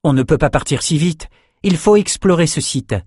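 A man's voice: a little high, normal speed, a little mellow, husky, no echo, clean studio sound, pitched above the performer's own voice. A man voicing an eager young male apprentice in an audiobook, talking insistently. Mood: excited.

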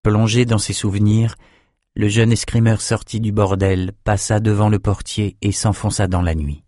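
A man reading a novel aloud in a steady, measured narration. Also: on the low side, no room sound, clean studio sound. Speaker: audiobook narrator. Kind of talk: scripted narration.

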